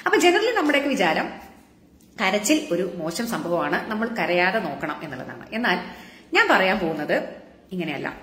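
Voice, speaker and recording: With big pitch swings and a slightly bright tone at normal speed, a female doctor talks conversationally about health on a live stream. She keeps asking her audience rhetorical questions. The room sounds roomy.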